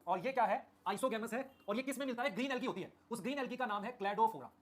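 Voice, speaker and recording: A man teaching a biology class live online, repeating key terms and asking "okay? clear?" while calling his students children. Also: very high-pitched, rapid-fire. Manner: addresses students affectionately as children.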